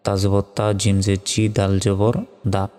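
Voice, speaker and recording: A man teaching Quran reading, spelling out each word slowly and evenly, then reciting it in long drawn-out tones. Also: lowish voice, in a large hall. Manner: slow, even spelling drills, with drawn-out recitation.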